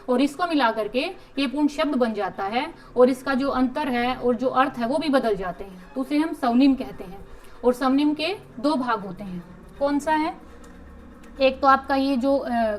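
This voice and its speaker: A woman teacher gives an exam-prep lecture, explaining step by step, asking questions and answering them herself while mixing English terms into her speech. Her voice is high, and the audio quality is poor.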